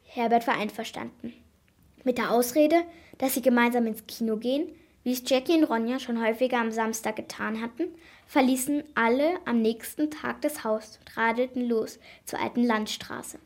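A woman narrating a children's mystery audiobook in a steady, expressive storytelling voice. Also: a little high, normal speed.

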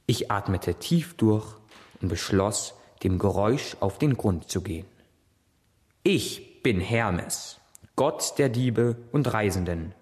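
A man reading a dramatic story in the first person, with an expressive, theatrical manner. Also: fairly low pitch, in a large hall. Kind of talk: scripted dramatic narration.

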